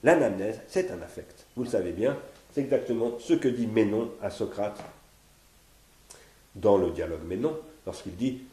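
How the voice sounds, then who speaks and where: Recorded by a fixed camera at medium distance in an echoey living room, this man in his sixties from France gives a spoken philosophy seminar, partly from notes. His lowish, dark voice has lively intonation and a moderate pace, and he thinks aloud tentatively, often restarting and repeating himself.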